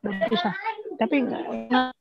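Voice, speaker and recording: A man's voice: very high-pitched, expressive, moderate pace. A male caller comes through on a choppy, breaking-up call line that sounds dull and lo-fi. Faint music sits underneath, and he keeps checking whether anyone can hear him. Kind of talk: call-in question.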